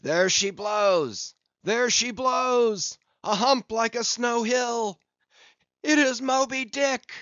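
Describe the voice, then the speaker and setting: A man voicing a fierce, obsessed old whaling captain in an audiobook, with commanding, long-drawn shouts. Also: mid-range voice, slow pace, no room sound, muffled recording. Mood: exultant. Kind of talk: audiobook character acting.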